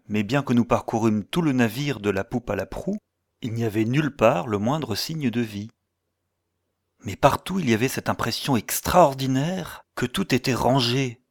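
Low-voiced man narrating a story. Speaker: audiobook narrator. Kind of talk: scripted narration.

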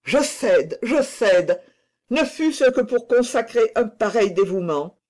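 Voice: mid-range voice, animated, slow pace, darkish tone, pitched above the performer's own voice. A reader voicing a nobleman torn by love, speaking in a breathless, exclamatory way. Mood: overwhelmed.

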